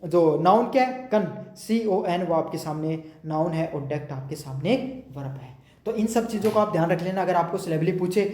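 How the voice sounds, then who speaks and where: A man teaching exam prep. He reads English notes slowly, then explains in quick, chatty Hindi and keeps checking that students have understood. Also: high-pitched, expressive, darkish tone. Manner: keeps asking "समझ में आ गया?". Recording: echoey room.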